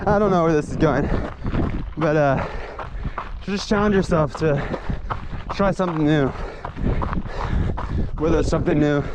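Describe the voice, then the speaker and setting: An American man chatting casually to his vlog while running on a trail, breathy with effort as he talks. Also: on the high side, measured pace, pauses often. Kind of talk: casual vlog chat, motivational asides. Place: outdoors on a hilly trail. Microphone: action camera carried while running. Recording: clear outdoor noise from action camera. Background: outdoor trail ambience and noise.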